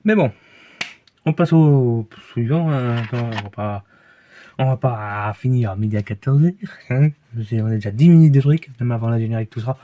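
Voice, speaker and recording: A man's voice: mid-range voice, moderate pace, phone-quality sound. A man with a Belgian French accent reviewing beers in a casual, rambling way, full of fillers, false starts and hesitations, recorded in a room at home.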